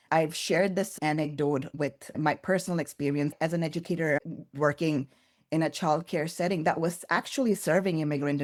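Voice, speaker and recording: A woman's voice: low-pitched, darkish tone. A woman being interviewed on a podcast, speaking thoughtfully and earnestly, sometimes restarting words as she searches for them. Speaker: early childhood curriculum developer, guest.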